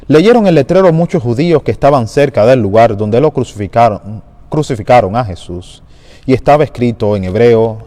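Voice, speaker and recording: At a Good Friday service in a large church, a man reads the Gospel in a measured, solemn liturgical manner. His voice is mid-range and warm, and the church's reverb lingers long.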